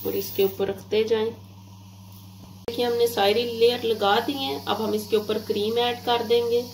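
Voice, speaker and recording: Her voice sits on the high side, steady and unhurried, as this woman with a Pakistani Urdu accent hosts a home cooking channel. She talks viewers directly through each step of a recipe in a kitchen voice-over, recorded roughly at home with audible hiss.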